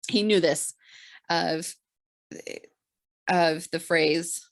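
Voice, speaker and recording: A woman in her thirties co-hosts a relationship podcast, talking in a casual, animated way. Her voice sits a little low and has a gravelly texture. She makes emphatic points with quick asides. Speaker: podcast co-host, therapist.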